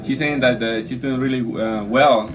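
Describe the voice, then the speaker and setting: A man's voice: mid-range voice, fairly even intonation, moderate pace, crowd noise. A man from El Salvador interpreting for a TV host between Spanish and English, hesitating often. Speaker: interpreter on TV show.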